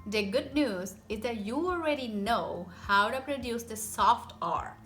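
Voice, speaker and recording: Female language teacher, bright and slow-paced, encouraging, demonstrates rolled r sounds in example words. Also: a little high, lively intonation, soft background music. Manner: encouraging, step-by-step, repeats example words slowly. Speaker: Spanish pronunciation teacher. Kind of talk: instructional language lesson to camera.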